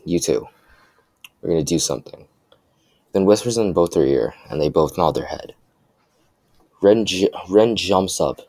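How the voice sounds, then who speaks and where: A young man with a low, deep voice improvises a fan story aloud. He stumbles through restarts and fillers as he goes. The sound is close and dry, with no room echo. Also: darkish tone. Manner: halting, full of restarts and fillers.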